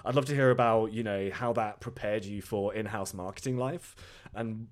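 A man hosting a podcast interview in a croaky, froggy voice, recovering from a sore throat. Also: on the low side, normal speed. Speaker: podcast host.

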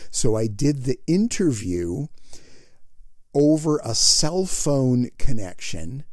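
Slow, gravelly-voiced man podcasting from bed. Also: medium pitch, a little mellow, no room sound, studio quality. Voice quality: gravelly early-morning voice. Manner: shifts from sleepy to rising enthusiasm. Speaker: podcast host. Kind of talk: solo motivational podcast talk. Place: bedroom, lying in bed.

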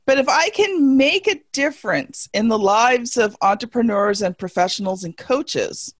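A woman in her forties with a fairly high voice, talking on a video call in a casual panel chat. She speaks with folksy, emphatic conviction and pokes fun at herself. The sound is dry and close. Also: lively intonation, moderate pace, no room sound. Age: 40s. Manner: emphatic, folksy and self-deprecating.

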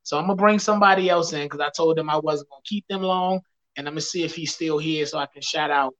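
A man's voice: on the high side, fast, a bit bright, rough recording. A man hosting a live talk show, chatting casually and energetically with his guest. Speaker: show host.

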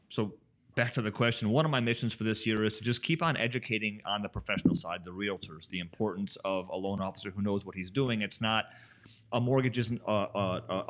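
A man's voice: fairly low pitch, a little fast, fairly bright tone. A man, a mortgage expert, explaining at length in a casual podcast chat, with frequent "you know" and "right".

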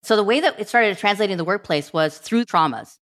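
A middle-aged woman telling stories as a podcast guest, acting out quoted dialogue as she goes. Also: medium pitch. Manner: fast, animated storytelling with quoted dialogue. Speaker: guest, program management director. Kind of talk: storytelling in a podcast interview.

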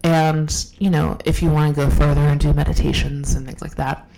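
A woman's voice: low-pitched, level tone, normal speed, gravelly, mellow, poor audio. A woman hosting a podcast while sick, talking off the cuff in a rambling, self-deprecating way, recorded on a phone at home. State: sick, losing her voice. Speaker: podcast host. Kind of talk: unscripted casual monologue. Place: home, downstairs room.

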